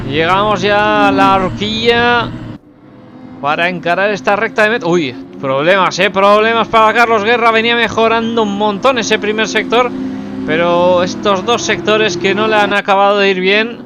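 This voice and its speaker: Over loud engine noise, a man in a high register gives live sim racing commentary at a moderate pace. He calls out the action and reacts with exclamations to position changes.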